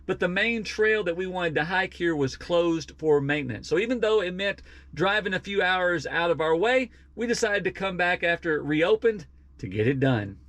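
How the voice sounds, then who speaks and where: High-voiced man narrating a hike. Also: lively intonation, normal speed, a bit bright, no room sound. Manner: upbeat, explanatory, out of breath while climbing. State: out of breath. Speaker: travel vlogger. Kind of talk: hiking vlog narration. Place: outdoors on a mountain trail. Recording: music playing behind.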